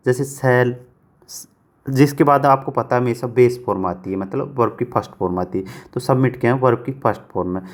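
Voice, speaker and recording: A man teaching English grammar for exam prep in Hindi, who asks questions and answers them himself and reads example sentences out slowly, word by word. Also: mid-range voice, a little mellow. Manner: asks and answers his own questions, repeats answers.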